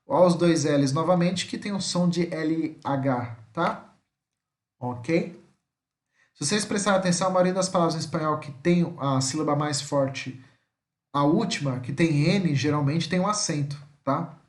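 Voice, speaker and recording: A Brazilian man teaching a slide-based lesson, patiently repeating each word slowly and checking in with his listeners. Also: fairly high pitch, reverberant. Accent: Brazilian Portuguese.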